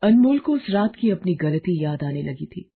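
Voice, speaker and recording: A woman narrating a bedtime storybook, dramatic and emotive, with a husky voice. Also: on the low side, sing-song, moderate pace. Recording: muffled phone-like lo-fi audio.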